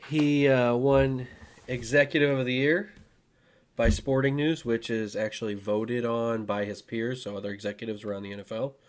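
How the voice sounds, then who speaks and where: A man co-hosting a sports podcast, speaking in a flat, deadpan way. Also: medium pitch, normal speed. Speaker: podcast co-host. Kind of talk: casual sports chat.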